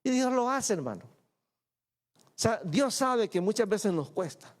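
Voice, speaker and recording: High-voiced male pastor preaching a sermon. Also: big pitch swings, takes it slowly. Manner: addresses listeners as "hermano", acts out quoted voices. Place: church in Montreal.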